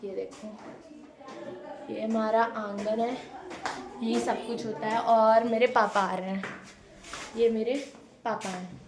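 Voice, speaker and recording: A young woman with a fairly high voice chats playfully through a home tour vlog, talking to her viewers as she walks room to room. Family voices murmur around her phone mic. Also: flat delivery, slow pace, long pauses, crowd noise. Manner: chatty, playful, addressing viewers as guys. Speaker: vlogger. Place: family house, indoors and courtyard. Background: family members talking around her.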